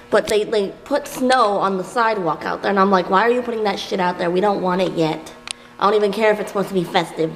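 A woman's voice: medium pitch, a little hiss or hum, rough recording. Goofy rambling young woman vlogging. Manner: rambling, goofy, self-deprecating. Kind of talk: casual vlog chat. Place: workplace and home.

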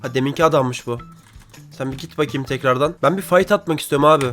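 A man in his twenties, just woken up with a rough, thick voice, giving casual, excitable gameplay commentary and chatting with viewers. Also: medium pitch, fast talker, soft background music. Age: 20s. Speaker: gaming video creator.

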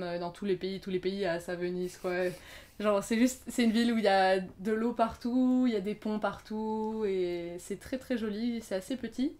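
In a laid-back, chatty podcast conversation, a young woman in her twenties speaks at a normal middle pitch. She keeps restarting and using filler words, so her sentences run into one another without quite ending.

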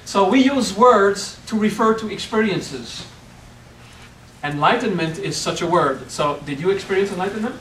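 A middle-aged man with a French accent teaches a spiritual workshop in a hotel meeting room, playful and constantly checking in with "okay?". His high-pitched voice is expressive and fairly bright at a moderate pace. A distant camera captures it, echoey, with slight background noise.

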